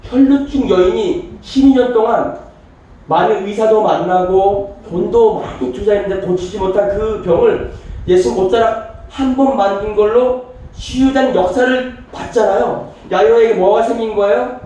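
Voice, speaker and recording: A male pastor with a high, mellow voice preaches to his congregation and acts out the people in his story. He is heard from a distance in a very echoey church hall. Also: normal speed. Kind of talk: sermon. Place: church sanctuary.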